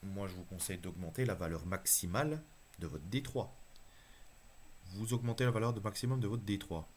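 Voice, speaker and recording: A man's voice: low voice, a little hiss or hum. A man talking casually and enthusiastically through a card game analysis, thinking aloud with plenty of hesitations.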